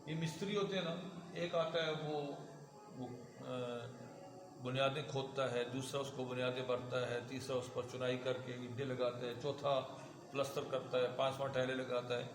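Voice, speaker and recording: A man teaching a religion class as a lively lecture, asking his students questions and having them repeat after him. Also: mid-range voice. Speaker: Islamic teacher. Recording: echoey hall with background noise.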